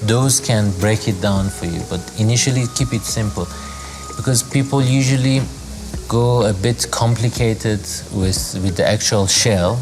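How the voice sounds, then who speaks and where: A man who grew up in Zimbabwe, a lodge owner talking casually in an interview, relaxed and rambling with many fillers. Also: fairly low pitch, measured pace. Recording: music playing under the voice.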